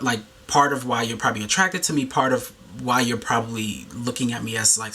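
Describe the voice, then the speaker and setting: A man in his thirties, working as a video host, delivers a reflective monologue to camera. His medium-pitched voice is bright and forceful with a breathy edge. He talks earnestly but rambles, leaning heavily on "like" and restarting often.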